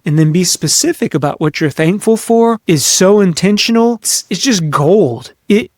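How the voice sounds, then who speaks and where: A man with a slightly high, somewhat mellow voice hosts a leadership podcast in clean, echo-free studio sound. Speaking straight to listeners in a motivational coaching monologue, he is earnest and emphatic and repeats key phrases for stress.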